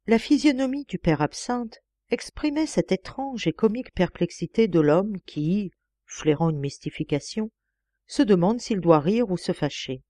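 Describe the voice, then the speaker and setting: Expressive woman reading a novel aloud. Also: mid-range voice, normal speed, no echo. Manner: expressive, varied storytelling. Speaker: audiobook reader. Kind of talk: scripted narration of a classic novel.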